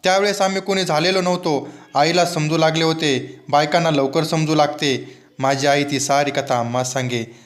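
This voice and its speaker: A man reading a book aloud in an expressive storytelling manner, lifting and dropping his voice with the story. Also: fairly high pitch, moderate pace. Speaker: reader.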